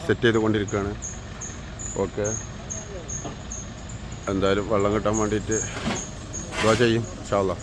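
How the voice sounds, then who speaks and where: A man's voice: fairly low pitch, flat delivery, normal speed, long pauses. A man chatting casually outdoors in Malayalam with some English words mixed in. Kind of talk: casual chat. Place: outdoors on a rural plot. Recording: very noisy outdoor field recording.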